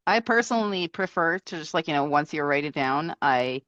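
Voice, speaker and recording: A woman hosting a podcast in casual chat, who laughs often and grows animated when she retells stories. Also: sits low, a little fast, dry recording, highs cut off. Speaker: podcast host.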